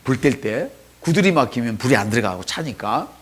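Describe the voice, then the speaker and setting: Korean pastor preaching with big swings. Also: male voice, mid-range voice, very animated, brisk, breathy edge. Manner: swings from soft asides to loud preaching, asks the congregation to repeat. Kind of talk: sermon. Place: church.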